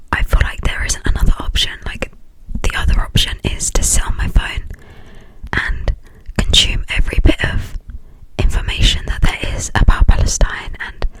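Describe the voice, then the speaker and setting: A young adult from the United Kingdom speaks in a hushed, breathy whisper, rambling informally and hesitantly in an ASMR style. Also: poor audio. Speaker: ASMR video creator.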